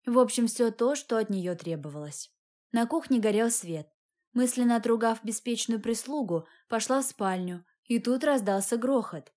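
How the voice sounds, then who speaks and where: A woman narrating a novel in the first person, with expressive storytelling. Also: on the high side, normal speed. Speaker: audiobook narrator.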